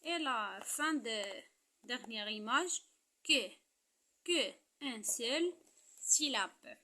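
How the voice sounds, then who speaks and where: A Moroccan-accented woman walks young pupils through a lesson at an unhurried pace. Her voice is bright and fairly high, and she repeats each word over and over, leaning on its syllables. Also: expressive. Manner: repeats words slowly, stressing syllables. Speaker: teacher. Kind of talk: slow primary-school lesson walkthrough.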